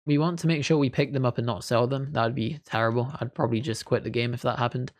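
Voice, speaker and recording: A man's voice: medium pitch, fairly even intonation, fast talker. Easygoing man narrating his gameplay. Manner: chatty, thinks aloud while playing; mild, understated reactions. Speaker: gaming video creator. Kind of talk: casual gameplay commentary.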